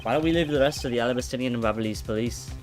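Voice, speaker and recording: A man's voice: mid-range voice, rapid-fire, close to an everyday voice. A man voicing a polite but firm middle-aged male ambassador with a formal manner, over game music.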